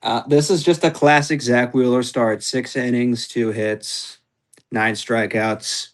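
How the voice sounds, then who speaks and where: Young guy on a baseball podcast, mid-pitched, ribbing his cohost, lots of ums. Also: fairly even intonation, slow. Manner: teasing, playfully smug, lots of fillers. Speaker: podcast co-host. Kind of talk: casual sports podcast chat.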